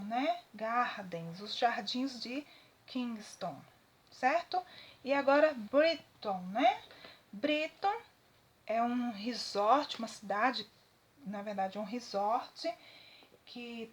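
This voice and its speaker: High-voiced woman teaching English. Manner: didactic, frequent tag questions. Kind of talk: classroom lesson, translating a text.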